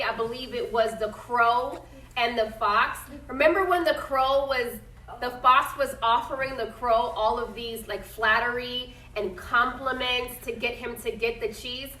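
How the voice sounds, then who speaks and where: During a classroom read-aloud lesson, a woman with a voice on the high side and a fairly bright tone reads a picture book at normal speed. She regularly pauses for questions and asks "okay?" to check comprehension, and the sound comes from a distance in an echoey room.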